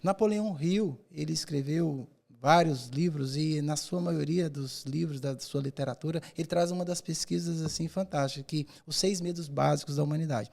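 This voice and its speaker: Man, public speaking mentor, podcast interview, emphatic, rhetorical, slightly high voice. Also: moderate pace, creaky, hardly any pauses, a little mellow. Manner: emphatic, rhetorical, repeats words for effect.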